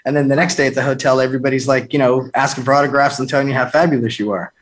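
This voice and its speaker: A man's voice: medium pitch, fairly even intonation, rapid-fire. A man hosting an interview, chatty and enthusiastic, laughing often with his guest. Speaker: interview host. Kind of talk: casual interview.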